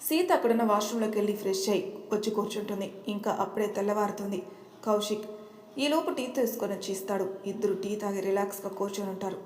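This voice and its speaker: A woman narrating an audio story in a steady, expressive way. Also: mid-range voice, fast talker. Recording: roomy echo.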